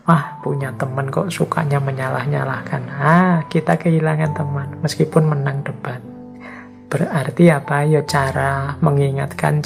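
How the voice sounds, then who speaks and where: A man giving a spoken lecture, deliberate and listing his points one by one. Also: a little high, creaky, a little mellow.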